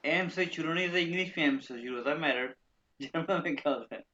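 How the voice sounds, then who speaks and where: A man teaching German vocabulary in an online lesson, repeating each word slowly and often checking that students follow. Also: fairly high pitch, sharp tone, dull audio.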